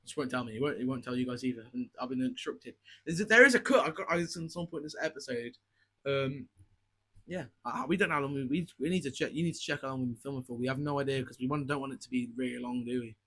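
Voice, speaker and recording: Fast, bright-voiced man, swearing. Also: mid-range voice, breathy edge. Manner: swears constantly, excitable rants. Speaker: podcast co-host. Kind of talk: casual chat. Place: home room with garden furniture. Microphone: cheap budget mic.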